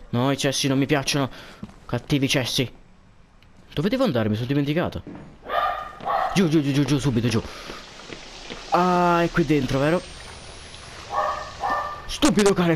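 With slight background noise behind him, a medium-pitched male gameplay commentator reacts to a horror game for viewers. A native Italian speaker, he jumps at scares, cracks jokes and swears a lot at what startles him.

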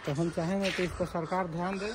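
A man's voice: high-pitched, steady tone, a little fast. A middle-aged man, making an earnest, speech-like appeal outdoors to a phone camera, listing his village's demands one by one. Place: outdoors in a village compound by an old building. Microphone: handheld phone camera. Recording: outdoor phone audio with clear background noise.

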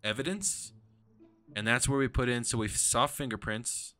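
A man's voice: mid-range voice, moderate pace, pushed and bright. A young man hosting a gaming stream, jumpy and swearing, with frequent nervous laughter. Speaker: gaming channel host. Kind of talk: casual gameplay chat.

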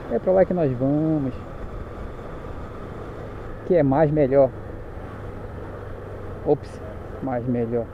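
A man's voice: on the high side, drawn-out words, pauses often. A man with a Paraense Brazilian accent chatting casually and joking as he rides a motorcycle through town, correcting himself as he goes. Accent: Paraense Brazilian Portuguese. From Pará, Brazil. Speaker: motorcycle vlogger. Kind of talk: casual chat while riding. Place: on a motorcycle in the street outdoors. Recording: muffled with loud road noise. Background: engine and traffic noise.

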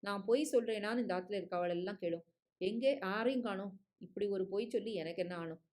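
A woman voicing an angry, meddling middle-aged father who rants loudly and indignantly in a read-aloud story. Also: sits high, brisk, lightly acted. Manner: loud, indignant, ranting.

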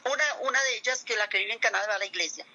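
A woman's voice: mid-range voice, very fast, sharp tone, rough recording. A middle-aged woman giving an earnest, emotional religious testimony to a pastor, addressing him again and again as she speaks.

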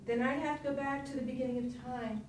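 A woman's voice: sits high, steady tone, fast talker, noisy background, close to an everyday voice. An actress playing a sullen, withdrawn young woman in group therapy, speaking in a self-pitying way, recorded from afar on a stage. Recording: echoey stage, distant mic.

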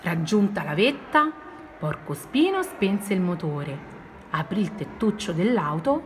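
A woman reading a children's picture book aloud with expressive, measured narration. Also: lowish voice, a little hiss or hum. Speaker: reader.

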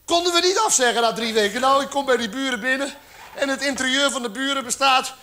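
A man performing a stand-up cabaret monologue on a theatre stage, acting out characters with sudden exaggerated shouts. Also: very high-pitched, fast talker. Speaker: comedian. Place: theatre stage with live audience. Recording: live theatre recording, audience laughter, background noise.

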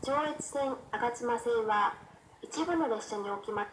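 Woman, high voice, formal polite train station announcement, echoey loudspeaker, noisy platform. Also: lively intonation, measured pace. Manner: formal, polite scripted delivery. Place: open train platform, over public address.

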